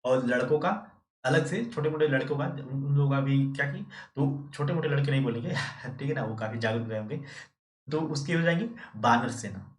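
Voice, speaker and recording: A man's voice: medium pitch, normal speed. A man teaching history as a quiz host, asking questions and answering them himself, and answering viewers by name. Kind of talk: live quiz lesson. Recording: echoey room, distant mic.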